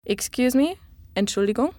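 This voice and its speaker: Female tutor, clear deliberate delivery, dry close sound, for phrase-lesson reads. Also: a little high, animated, a little mellow, no room sound. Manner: clear, measured model pronunciation. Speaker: language tutor.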